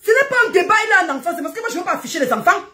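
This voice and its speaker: High-pitched, fiery woman ranting. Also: very animated, rapid-fire. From Cameroon. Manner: combative, loud, scolding, often shouting. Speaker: live-stream host. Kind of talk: live-stream rant to commenters.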